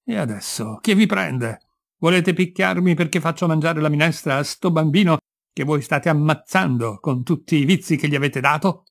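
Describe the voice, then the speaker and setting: A man voicing a fierce older female servant who shouts accusations in a raised, shrill voice while reading a story aloud. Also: lively intonation, moderate pace. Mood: furious.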